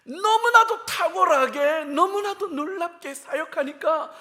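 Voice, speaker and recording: Male pastor, very high voice, sermon delivery, loud bursts to whispered asides. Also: lively intonation, measured pace. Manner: swings between loud emphatic bursts and hushed, whispered asides; addresses the congregation directly with questions. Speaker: senior pastor.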